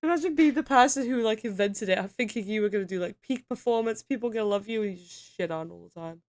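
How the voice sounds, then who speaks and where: A woman chatting casually and reacting in an informal, expressive way as someone being taught. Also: mid-range voice, quick pace. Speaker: learner responding to an explanation. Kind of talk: casual chat.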